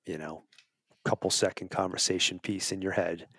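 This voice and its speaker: A man's voice: deep voice, steady tone, normal speed, fairly bright tone, slightly rough, no echo. A man being interviewed as a wildlife advocacy guest, talking in an earnest, persuasive way and often restarting his phrases. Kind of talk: casual interview talk.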